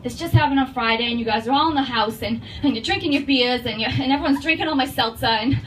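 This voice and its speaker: A woman's voice: high-pitched, fast talker, close to an everyday voice. A woman putting on a blunt Boston nurse mom. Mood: frazzled. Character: blunt middle-aged nurse mother, stressed. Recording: distant mic, noisy.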